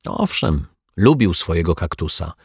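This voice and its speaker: A man's voice: measured pace, husky, dry recording, studio quality. A man reading a children's detective story aloud, narrating and giving the characters their own voices. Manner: lively, voices characters with pitch shifts. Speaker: audiobook narrator.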